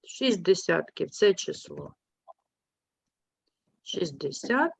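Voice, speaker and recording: A woman teaching a primary school class, patient and clear, asking questions and gently correcting her pupils. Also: very animated, slow pace, no echo. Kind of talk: online class lesson. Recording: muffled low-fidelity sound.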